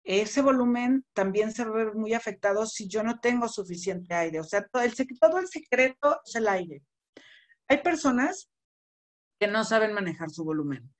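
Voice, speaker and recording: A woman's voice: fairly high pitch, lively intonation, moderate pace. A middle-aged woman with a Mexican accent, teaching public speaking in an online class over a computer mic, conversational and explaining with spoken examples. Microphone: computer mic on a video call.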